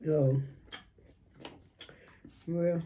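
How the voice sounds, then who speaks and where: A woman's voice: low-pitched, steady tone, mellow. Sassy woman talking while chewing. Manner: sassy, quick to talk back. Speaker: mukbang co-host. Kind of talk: casual banter over a meal.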